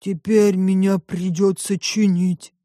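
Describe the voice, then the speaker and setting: A woman voicing a dutiful, stubborn ship's robot in an audiobook, speaking slowly and evenly. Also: mid-range voice, no room sound, studio quality, close to an everyday voice. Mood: plodding. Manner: slow, measured, flat report-like speech.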